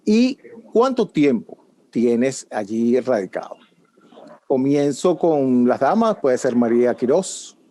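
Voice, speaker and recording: A man's voice: medium pitch, sing-song, slow, mellow. A man hosting an online panel, asking questions in a friendly, upbeat way. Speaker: host. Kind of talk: panel interview host.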